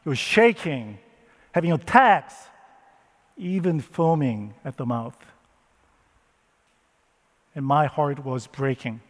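Brief: male preacher, unhurried and emotional, telling a Bible story as its father figure. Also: medium pitch, lively intonation, in a large hall. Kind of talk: first-person dramatic retelling of a Bible story.

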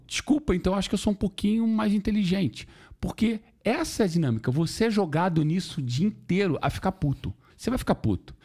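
A man telling stories in a casual podcast chat, full of slang and swearing, acting out quoted voices. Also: a little high. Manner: animated storytelling with slang and swearing.

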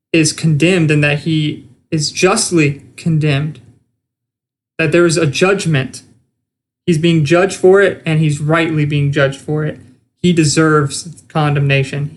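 A young man giving an informal Bible teaching, earnest and conversational, with frequent restarts. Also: on the high side. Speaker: preacher.

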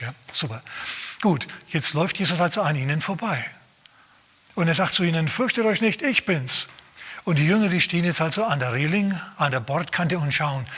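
A male pastor delivers a lively sermon in a bright, forceful voice with a husky edge. He speaks emphatically and slips into acted scenes. His voice sits a little high for a man.

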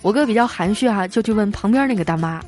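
A woman hosting a comedy show, reading out listener jokes in a lively storytelling way and chuckling through the punchlines. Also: mid-range voice, quick pace, faint music behind. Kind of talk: comic storytelling.

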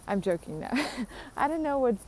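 Young woman, podcast host, self-mocking rambling rant; mellow, slightly high voice. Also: slight background noise. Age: young adult. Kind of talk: casual solo rant.

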